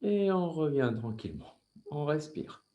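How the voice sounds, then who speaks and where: A man with a French accent leads a yoga class over a video call. His voice sits fairly high, and he paces his breathing cues slowly and calmly. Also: highs cut off. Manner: slow, calm breathing cues. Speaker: yoga teacher.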